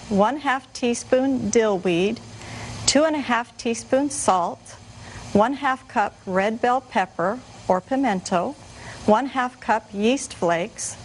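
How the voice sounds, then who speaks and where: A woman's voice: a little high, slight background noise. A woman hosting a studio cooking show, chatting with a guest and reading out recipe ingredients. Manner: friendly, reads recipe lists steadily.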